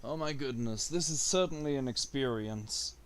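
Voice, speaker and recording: A man casually commenting on his gameplay for a stream, talking to his chat, swearing freely and jumping into high yelps when something good or annoying happens. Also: moderate pace, smooth. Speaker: game streamer.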